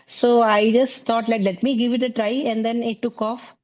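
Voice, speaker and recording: A middle-aged woman from South India, speaking Indian English, is an interview guest chatting casually about her teaching work and leaning on fillers like "you know, like." Her voice is fairly high, her pace normal, and the audio lo-fi.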